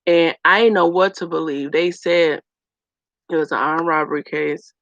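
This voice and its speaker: A woman's voice: deep voice, steady tone, moderate pace, fairly bright tone, no room sound. A woman vlogger earnestly telling a personal story straight to her viewers, speeding up in bursts. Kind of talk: emotional personal storytelling to camera. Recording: dull lo-fi dry sound.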